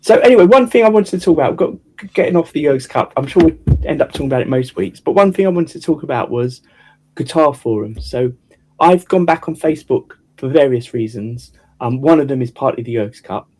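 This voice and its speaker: A man's voice: medium pitch, lively intonation, brisk, mellow. A man hosting a casual chat about guitar building, rambling with frequent restarts. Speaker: host.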